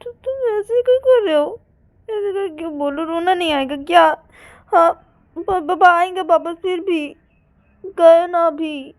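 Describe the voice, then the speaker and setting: A woman voicing Payal, a tearful, clingy young woman who protests in a high, whiny voice in a storybook tale. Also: normal speed, dark tone, close to an everyday voice.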